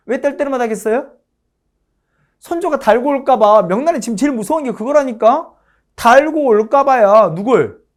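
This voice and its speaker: A woman's voice: a little high, darkish tone. A woman giving an exam-prep history lecture, asking her class questions and answering them herself, repeating points for emphasis.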